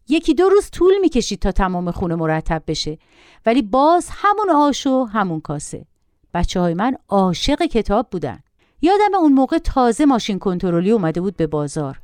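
A middle-aged woman tells her own story with lively, swinging intonation. Her voice is smooth and clear, recorded close and dry. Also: mid-range voice, no echo. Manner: expressive, lively first-person telling. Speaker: narrator. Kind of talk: storytelling narration.

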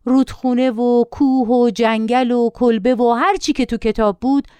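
A middle-aged woman reading a first-person story aloud with vivid, animated storytelling. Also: on the high side, clean tone, dry recording.

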